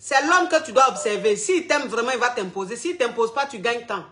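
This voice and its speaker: A woman's voice: on the high side, expressive, brisk, a bit bright, a little hiss or hum. A woman hosting a live call-in advice show, direct and affectionate. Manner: direct, affectionate, calls listeners darling.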